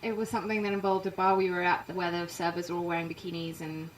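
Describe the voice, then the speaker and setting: A woman from England, partly raised in Canada, with an English accent, chatting quickly and self-deprecatingly as a musician being interviewed. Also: on the low side, flat delivery, reverberant, recorded from a distance, a little hiss or hum, rough recording. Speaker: musician guest. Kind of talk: casual interview chat. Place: inside a parked trailer.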